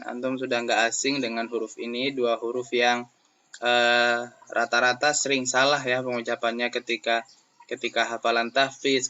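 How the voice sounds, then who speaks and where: A man's voice: medium pitch, sharp tone. A male Arabic teacher with an Indonesian accent, giving a lesson for young pupils and stretching out words in pronunciation drills. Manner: drawn-out, emphatic pronunciation drills. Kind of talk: classroom lesson video. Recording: dull lo-fi sound.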